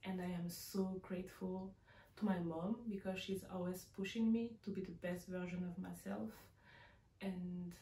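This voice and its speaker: A woman's voice: fairly low pitch, level tone, normal speed, warm tone, reverberant. A woman who designs clothes, talking to camera in a casual vlog, earnest and heartfelt, repeating words for emphasis. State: tired. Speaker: fashion designer vlogger.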